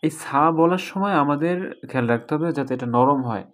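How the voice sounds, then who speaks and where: A man teaching a recorded lesson on reading the Quran, explaining patiently and drawing out each letter sound slowly as an example. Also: fairly high pitch, lively intonation, a bit bright, soft background music.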